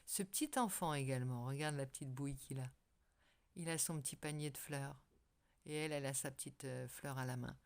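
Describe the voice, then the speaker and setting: A woman's voice: very deep voice, fairly quick. A woman giving a casual, spoken tarot reading straight to the viewer, hesitating often and restarting her sentences. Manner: hesitant, many fillers and restarts, speaks directly to the viewer. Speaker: tarot card reader.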